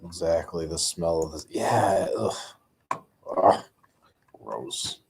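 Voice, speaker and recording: A man's voice: sits low, slow pace, a little mellow, a little hiss or hum. A man hosting a casual live chat, telling rambling stories with lots of groans and fillers.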